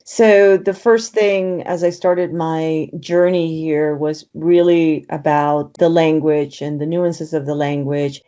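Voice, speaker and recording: A woman's voice: sits low, mellow, muffled recording. A middle-aged woman from the Dominican Republic, Spanish accent, a podcast guest recalling her story reflectively, often circling back with "you know". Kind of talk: conversational interview.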